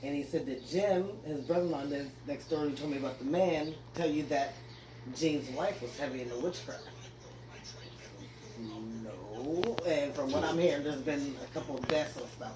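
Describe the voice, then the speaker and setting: A woman recounting strange happenings in her house in a casual interview, earnest and steady. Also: low voice, normal speed, echoey room, distant mic, background noise. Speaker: homeowner.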